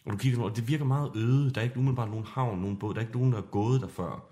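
A man hosting a podcast as game master, narrating an improvised adventure in a hushed, suspenseful way. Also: medium pitch.

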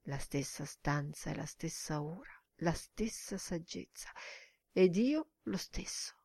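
A woman narrating a literary audiobook in a measured, deliberate way. She reads very slowly, with a somewhat low voice. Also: expressive, gravelly, a little mellow, breathy edge, no echo, clean studio sound. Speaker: audiobook reader.

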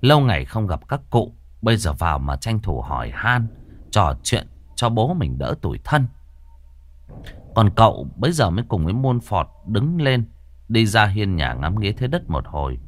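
A man narrating a Vietnamese ghost story with a lively, dramatic delivery. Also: lowish voice, moderate pace.

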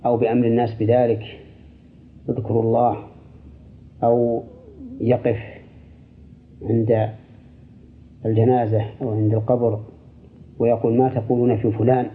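An older male scholar answers listener questions at a steady, deliberate pace, now and then restarting a phrase. His voice sits in a middle register and comes through a thin, tinny radio signal. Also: medium pitch, slight background noise.

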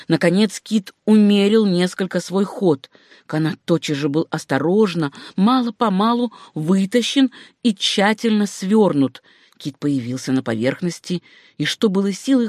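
Audiobook narrator, adventure story, steady read, medium pitch, dry recording. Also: dry recording. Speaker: audiobook reader.

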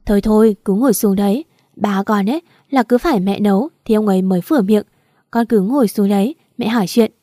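A woman's voice: mid-range voice, a little fast, warm tone, dry recording, studio quality, natural voice. A woman voicing a talkative, fussing middle-aged mother-in-law in a read-aloud story. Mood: chatty. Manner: chatty, fussing, laughing easily.

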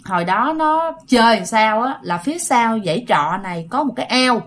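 Here the ghost story comes from a Southern Vietnamese-accented woman whose slightly high voice is animated and at normal speed. She addresses the audience directly in a relaxed, chatty manner, performing the quoted shouts.

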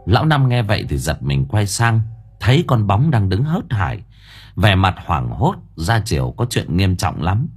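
A man narrating an audiobook story in a dramatic, expressive storytelling manner. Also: sits low, normal speed, slightly rough, soft background music.

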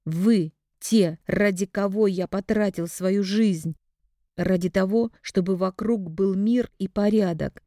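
A woman's voice: mid-range voice, takes it slowly, warm tone, dry recording, clean studio sound, natural voice. A woman voicing a cold, enraged man defending himself against accusations. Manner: icy then raging.

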